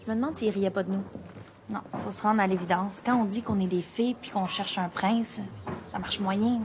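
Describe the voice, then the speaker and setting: A woman's voice: mid-range voice, fairly even intonation, moderate pace, background noise, close to an everyday voice. A woman playing a spirited young fairy with a Québécois French accent, talking boldly and teasingly. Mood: frank. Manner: bold, chatty, teasing. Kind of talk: film dialogue.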